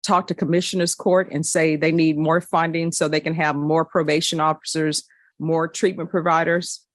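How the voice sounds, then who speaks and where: A woman's voice: deep voice, level tone, no room sound. A woman judge speaking firmly and directly at a courtroom hearing, addressing defendants. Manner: firm, measured, direct.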